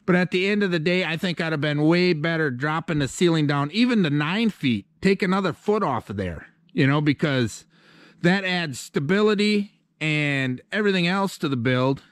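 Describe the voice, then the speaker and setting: Casting: middle-aged homesteader man, folksy and plainspoken, voice sitting a touch high, action-camera sound inside a bare wooden barn. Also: lively intonation, normal speed. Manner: folksy, plainspoken, rambling with fillers. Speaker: homesteader vlogger. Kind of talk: casual walkthrough talk. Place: outdoors in snow, then inside an unfinished wooden barn loft. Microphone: handheld or head-mounted action camera.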